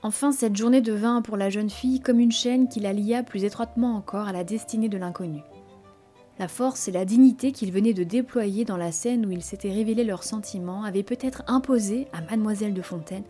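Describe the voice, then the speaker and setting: A woman gives a scripted literary narration of a classic novel. Her reading is measured and expressive, with a mellow, dark tone at a middle pitch. Faint music plays softly beneath her voice. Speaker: audiobook narrator.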